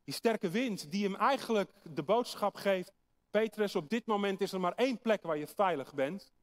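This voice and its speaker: A high-pitched man delivers a sermon to a congregation. He explains things patiently and poses questions for his listeners to think over. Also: animated, normal speed. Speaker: preacher. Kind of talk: sermon with Bible reading.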